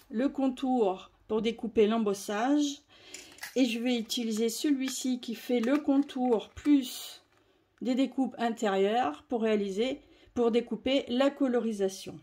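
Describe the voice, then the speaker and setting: Woman craft demonstrator, high-ish voice, chatty talk-through, faint background hiss. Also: warm tone. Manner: chatty, explaining while working. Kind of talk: crafting tutorial.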